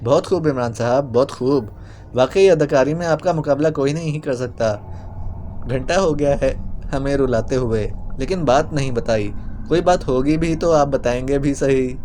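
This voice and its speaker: A man's voice: medium pitch, mellow, a little hiss or hum, natural voice. A man voicing an amused young male agent who teases. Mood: teasing.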